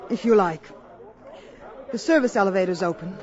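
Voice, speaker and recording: An actress playing a gentle but firm young mother in a 1950s radio drama, soothing and composed. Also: mid-range voice, normal speed, a faint crowd, a little hiss or hum, lightly acted. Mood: polite.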